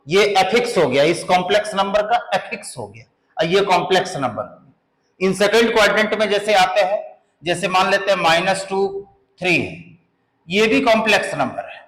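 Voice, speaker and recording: Man, maths teacher, high voice, step-by-step explaining, rhetorical questions, echoey room. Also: fairly bright tone. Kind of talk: classroom maths lesson.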